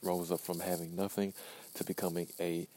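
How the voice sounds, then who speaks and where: In a dark, low voice with flat delivery and moderate pace, a man in his early twenties pep-talks himself in a blunt, profane podcast monologue. He repeats phrases for emphasis.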